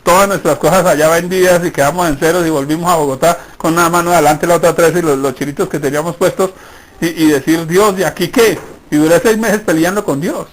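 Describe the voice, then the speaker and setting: A man's voice: a little high, fairly even intonation, fast talker, low-quality recording. A middle-aged Colombian pastor preaching a sermon in a conversational way, acting out the voices he quotes. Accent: Colombian Spanish.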